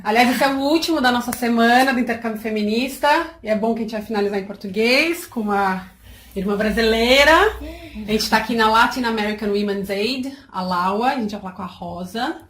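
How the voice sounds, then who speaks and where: Higher-voiced woman interviewer in echoey room. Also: fairly quick. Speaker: interviewer, host. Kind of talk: casual interview. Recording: echoey room, faint noise.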